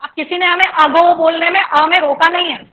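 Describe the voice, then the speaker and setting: Bright high-voiced Indian woman teaching. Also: steady tone, dull audio. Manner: drills words slowly, repeats examples, checks understanding. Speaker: English teacher. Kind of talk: classroom lecture on pronunciation.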